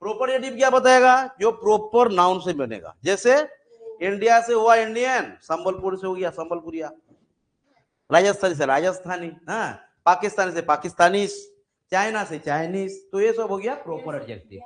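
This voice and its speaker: Man teaching grammar, Indian English accent, high voice, keeps checking the class understands. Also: expressive, moderate pace. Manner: explains with many examples, checks understanding often.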